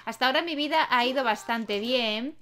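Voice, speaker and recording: A young woman talks through a life-simulation game in a loose, chatty way. She scolds and coos at the characters like a doting mother. Her voice sits a little high. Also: moderate pace, fairly bright tone. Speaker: gaming video host. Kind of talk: casual Let's Play commentary.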